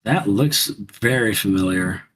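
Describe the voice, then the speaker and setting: A man co-hosting a podcast in casual chat, rambling and halting, with many restarts. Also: on the low side, a bit bright, rough recording. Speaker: podcast co-host.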